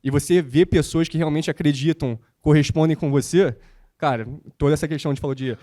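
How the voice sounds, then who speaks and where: A young man from Rio de Janeiro, speaking as a guest on a panel and talking in an animated, motivational, slangy way. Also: fairly high pitch, brisk. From born in the United States, raised in Rio de Janeiro. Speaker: guest, basketball content creator. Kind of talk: panel talk on stage.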